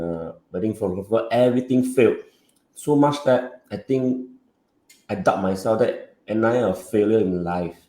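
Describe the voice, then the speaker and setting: Hoarse, low-voiced man hosting a podcast. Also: mellow. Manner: halting, with many fillers and restarts. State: hoarse from covid. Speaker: podcast host. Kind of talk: casual podcast chat. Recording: roomy echoey recording.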